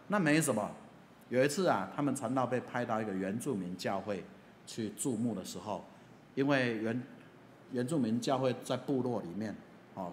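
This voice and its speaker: A man with a Taiwanese Mandarin accent preaches in a chatty, animated storytelling manner, full of filler particles. His voice sits at a middle pitch. The church hall echoes with long reverb over a faint ambience. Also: a little hiss or hum. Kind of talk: storytelling sermon.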